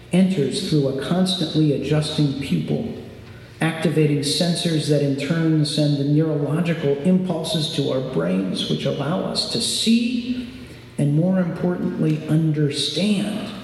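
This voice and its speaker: A man giving a reflective sermon in a large sanctuary, with measured, lyrical phrasing. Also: on the high side, darkish tone. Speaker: preacher. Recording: very echoey large hall, faint noise.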